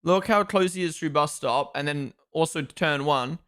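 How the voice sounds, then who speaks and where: A man's voice: a little high, moderate pace, a bit bright, clean tone. A young man from Australia and New Zealand hosting a live race watchalong, giving chatty, opinionated commentary and talking to his chat.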